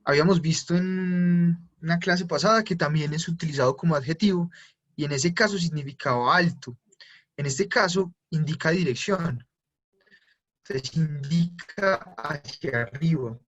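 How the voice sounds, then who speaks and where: A man's voice: a little high, normal speed, fairly bright tone. A man teaching a German class, who patiently repeats each word pair and checks for questions. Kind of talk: live online class explanation. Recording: muffled lo-fi audio.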